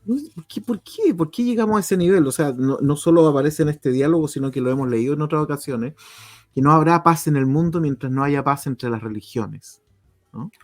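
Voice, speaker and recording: A man's voice: fairly high pitch, brisk, dry recording, clean studio sound. Inquisitive Chilean man asking questions. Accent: Chilean Spanish. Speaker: radio program host. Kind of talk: conversational talk, asking questions.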